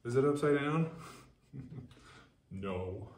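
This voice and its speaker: A man's voice: medium pitch, takes it slowly, distant mic, slight background noise. Chatty man in an echoey garage. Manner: chatty, excitable, jokey, thinks aloud. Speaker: car enthusiast vlogger. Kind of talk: casual unboxing commentary. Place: home garage. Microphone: camera mic from across the room. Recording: roomy garage echo from off-mic.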